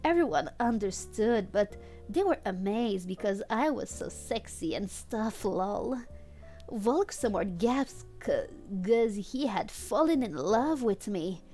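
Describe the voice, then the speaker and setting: A woman with a medium-pitched, mellow voice streams herself reading fan fiction aloud through a headset, speaking slowly and with animation. As host, she plays it mock-dramatic and playful, tossing in amused asides over faint background music.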